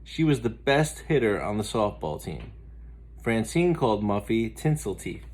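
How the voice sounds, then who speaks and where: In a lowish voice and at a moderate pace, a man reads a children's picture book aloud with expressive, storytelling flair.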